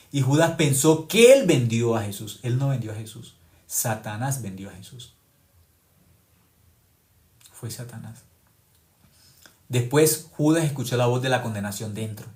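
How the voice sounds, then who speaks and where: A man preaching a sermon with forceful rising stresses that drop to hushed low tones and drawn-out key words. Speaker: pastor.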